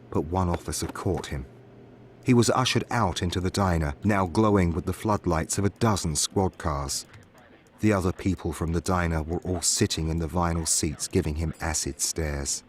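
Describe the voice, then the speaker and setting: A man who streams spooky stories, reading a horror story aloud in a steady, measured way. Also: deep voice, a little hiss or hum. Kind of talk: scripted horror story narration. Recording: music playing behind the voice.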